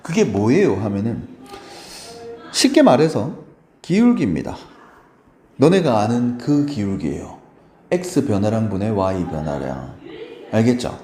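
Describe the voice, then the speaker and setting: A male math teacher explains with a swinging, animated pitch and a mellow, dark tone. He keeps turning to his students to ask whether they follow, chatty and encouraging. His voice rings a little in a roomy space. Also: measured pace, pauses often. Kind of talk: lively lecture to students. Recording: roomy echo.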